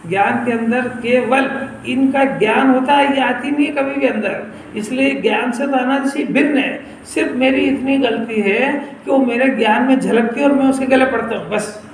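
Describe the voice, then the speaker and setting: A man with a high voice gives a scripture sermon, explaining point by point and often asking his listeners whether they have understood. The room is echoey, with faint noise behind him. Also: moderate pace. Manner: explanatory, questioning listeners, lively. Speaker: Jain scripture teacher. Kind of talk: sermon discourse.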